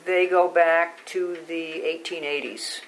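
An older woman being interviewed for an oral history, recollecting in measured, halting short phrases. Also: on the low side, fairly even intonation.

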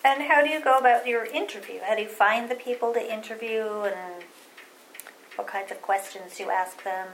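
Higher-voiced woman asking interview questions. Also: steady tone, normal speed, a bit bright, a little hiss or hum, rough recording.

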